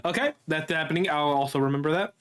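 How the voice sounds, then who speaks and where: A man's voice: fairly high pitch, fast, a bit bright, a little hiss or hum. Man, game master, tabletop game narration, casual, laughs often.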